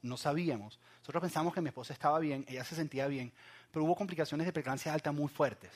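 A young man with a fairly high voice preaches a sermon. He moves from loud, urgent cries down to hushed asides, talking straight to his listeners. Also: quick pace. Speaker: pastor.

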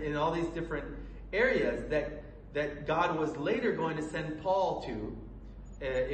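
A man preaching a sermon with a fairly high voice. He talks earnestly and haltingly, with plenty of fillers and restarts. He is recorded in an echoey room, away from the mic, with faint background noise. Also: recorded from a distance. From Colorado, USA.

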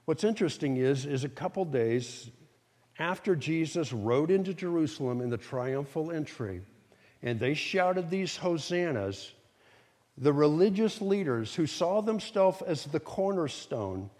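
High-voiced man preaching in a reverberant hall. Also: a little slow. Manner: animated preaching, acting out voices of the people. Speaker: pastor. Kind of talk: sermon.

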